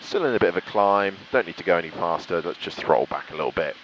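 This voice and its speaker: Engine noise fills the lo-fi cockpit recording as a British pilot vlogger talks casually to viewers mid-flight in a small light aircraft. He speaks quickly in a low, fairly bright voice, sounding enthusiastic and reflective.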